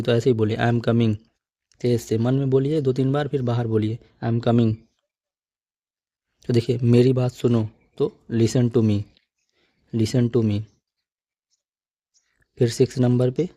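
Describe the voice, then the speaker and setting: A male English teacher giving a spoken lesson, slowly repeating phrases for practice in an encouraging tone. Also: medium pitch, mellow, no room sound. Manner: encouraging, coaxing tone.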